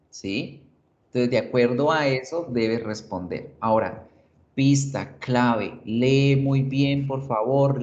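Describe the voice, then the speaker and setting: A man teaching an online English class, explaining slowly and checking in with short questions. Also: medium pitch, a little mellow, poor audio.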